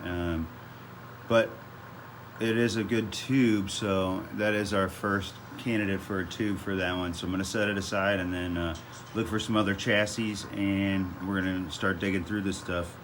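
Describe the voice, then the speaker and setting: A man with a deep voice talks through a repair in a casual, halting way, thinking aloud as he goes. A fan hums noisily around his speech. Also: fairly even intonation. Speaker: arcade repair host. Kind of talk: casual hands-on repair walkthrough. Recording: noisy fan hum over the voice. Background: whirring fan noise.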